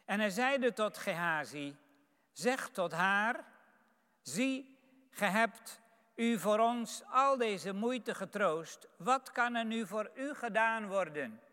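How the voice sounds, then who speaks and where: A man gives a sermon, reading scripture aloud slowly and carefully before reflecting on it. His voice is bright and smooth. The sound carries a long reverberation from a large hall. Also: sits high, lively intonation. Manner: reads scripture aloud, then comments warmly on it. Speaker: preacher. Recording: echoey hall.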